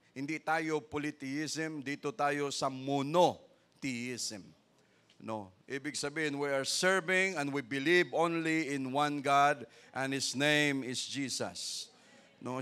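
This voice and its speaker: Bright-voiced Filipino pastor preaching. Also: male voice, fairly high pitch, clear, resonant tone. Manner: swings from conversational asides to loud shouted praise, frequent "no?" tag. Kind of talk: sermon.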